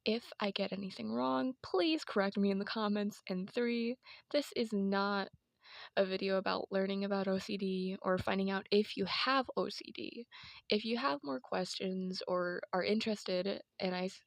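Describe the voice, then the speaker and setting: A woman's voice: mid-range voice, fairly even intonation, normal speed, gravelly, dry recording. Lisping woman narrating a video essay, dry sound. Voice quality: lisp with whistling s. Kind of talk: informal video essay commentary, partly scripted. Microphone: headset microphone from headphones.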